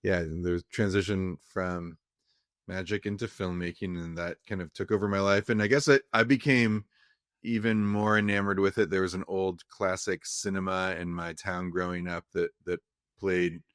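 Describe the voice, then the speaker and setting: A man's voice: low-pitched, fairly even intonation, moderate pace, a bit bright, no room sound, clean studio sound. A young man from California, a film director, talking casually in an interview and rambling with many restarts. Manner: rambling, frequent restarts and fillers.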